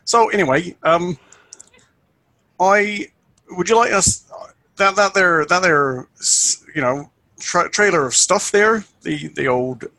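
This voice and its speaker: Cheeky male adventurer, acted by a player, rambling and repetitive, lifted pitch, dry sound. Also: animated, moderate pace, pushed and bright, no room sound, exaggerated voice, rough recording. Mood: hesitant, wheedling. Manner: hesitant, repeating phrases.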